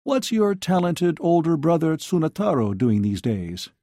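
A man's voice: on the high side, sing-song, unhurried, dark tone, dry recording, studio quality, voice pushed up, exaggerated voice. A man reading an audiobook, voicing a worn middle-aged professor who talks in an ingratiating, wheedling way. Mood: casual prying. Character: weary, lecherous middle-aged male professor, persistent.

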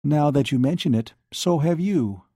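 A man's voice: fairly high pitch, lively intonation, moderate pace, warm tone, husky, no echo, studio quality, pitched above the performer's own voice. A man reading an audiobook, voicing a young woman bar owner who speaks coldly and acerbically. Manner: clipped and cutting.

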